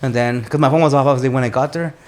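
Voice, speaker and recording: A military veteran and father in his forties tells rambling stories on a podcast in a casual storytelling chat, often restarting his sentences. His mid-range voice has fairly even intonation and races along.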